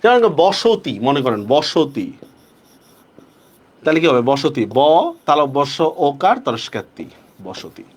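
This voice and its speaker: A male teacher leads a pronunciation lesson with a lively, rising and falling voice. He pitches it a little high. He slows right down on the key rules and keeps checking in with his students. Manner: asks students frequent check-questions; stretches words slowly when stressing rules. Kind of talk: online class lecture.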